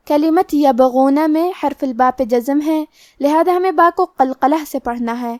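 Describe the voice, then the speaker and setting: A woman with a Pakistani Urdu accent teaching a tajweed lesson, explaining each sound slowly and deliberately. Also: high voice, a little mellow, no room sound, studio quality. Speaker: Quran recitation teacher.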